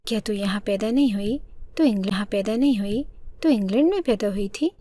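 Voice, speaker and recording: A woman's voice: mid-range voice, mellow, lightly acted. A woman voicing a harsh, scolding older mother-in-law in a storybook narration. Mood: taunting. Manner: taunting, scolding.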